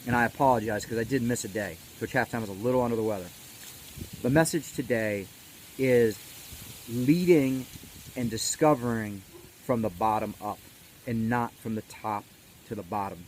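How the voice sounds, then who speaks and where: A man speaks as a motivational coach giving a pep talk, emphatic and folksy, repeating key words for stress. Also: mid-range voice. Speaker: motivational coach host of a daily video series. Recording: background noise and ambience.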